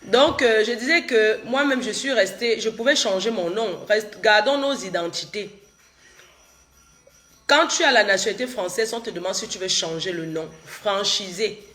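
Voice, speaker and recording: With soft music underneath, a middle-aged woman from Cameroon speaks at normal speed in a mid-range, fairly bright voice. She's livestreaming on social media while nursing a cold, chatting casually, answering comments directly and repeating herself.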